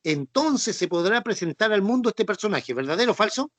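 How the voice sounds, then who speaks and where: A man's voice: sits high, sing-song, a little fast, no room sound. Patient Chilean man teaching a Bible class. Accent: Chilean Spanish. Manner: patient and repetitive, with frequent "¿no es cierto?" and "ya" checks. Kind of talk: Bible class explanation with quiz questions.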